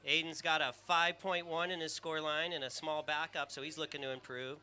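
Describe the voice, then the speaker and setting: Fairly quick and full of excitement, a man with a squeaky surfer's voice rambles through live surf contest commentary, identifying each rider by jersey color.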